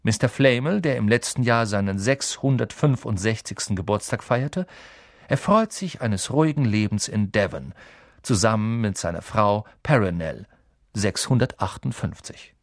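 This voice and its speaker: A man narrating an audiobook in a lively, expressive way. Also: fairly low pitch, normal speed, no room sound, clean studio sound.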